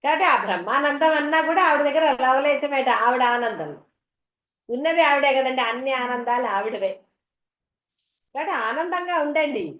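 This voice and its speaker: A woman's voice: high-pitched, lively intonation, normal speed. A woman giving a devotional discourse to an audience, chatty and full of homely stories and questions to the listeners. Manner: conversational, tells homely anecdotes, asks the audience questions. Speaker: spiritual teacher. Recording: dull, echoey hall recording.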